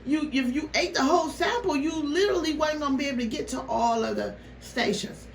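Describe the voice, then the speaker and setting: A woman vlogger telling a story casually to her viewers, animated and exasperated, with rhetorical questions. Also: sits high, a little fast, gravelly. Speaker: mukbang vlogger. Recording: roomy, noisy, distant microphone.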